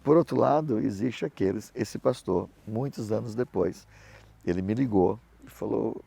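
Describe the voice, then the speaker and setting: A fairly low, gravelly, husky voice belongs to a middle-aged man speaking at a moderate pace. He's a pastor and missionary telling anecdotes in his preaching, animatedly performing the voices of those he quotes.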